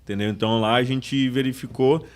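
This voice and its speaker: A man's voice: mid-range voice, fairly even intonation, fairly quick. A man, a sales manager talking casually in a podcast interview, often restarting his sentences. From Brazil. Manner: chatty, restarts sentences often, acts out customer quotes.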